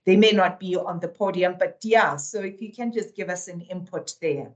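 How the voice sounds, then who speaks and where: A woman moderating a virtual roundtable, introducing guests with many pauses and fillers. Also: fairly low pitch, muffled recording. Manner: warm, hesitant, with many fillers. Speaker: event moderator. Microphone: video call.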